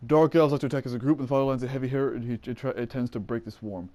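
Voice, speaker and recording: A man's voice: medium pitch, rapid-fire, dark tone. A man doing casual, profane and sarcastic gameplay commentary as a let's play host. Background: game music.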